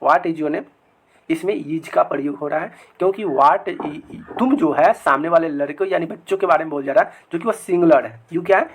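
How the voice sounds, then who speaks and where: A man teaching English grammar to children in a video lesson, repeating each example sentence slowly several times. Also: on the high side, slightly rough. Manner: addresses viewers as children. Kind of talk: Hindi-language grammar lesson.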